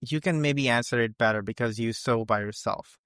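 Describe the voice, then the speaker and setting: A man hosting a podcast who asks questions haltingly, restarting words and using loose, non-native phrasing. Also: medium pitch, a bit bright, clear, resonant tone. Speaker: podcast host. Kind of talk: interview questions.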